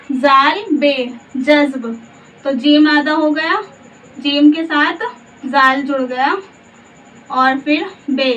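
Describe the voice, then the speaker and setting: A woman with a high voice teaches slowly and patiently, naming each letter before she reads out the full word. She sits back from a distant mic, so the sound is dull and muffled with a faint hiss behind her. Every few words she checks in with a quick question to the learner. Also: a bit bright. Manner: spells out letters one by one, then reads the word. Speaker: Urdu teacher. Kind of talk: slow spelling lesson.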